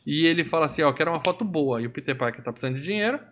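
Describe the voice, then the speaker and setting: A Brazilian man rattles through a film recap at high speed, his voice sitting a little high for a man. He casually slips into acted quotes and jokes as he chats on a podcast. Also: expressive, racing, a bit bright, slight background noise. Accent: Brazilian Portuguese. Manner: retells scenes with acted quotes, joking. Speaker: podcast host. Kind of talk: casual movie review chat.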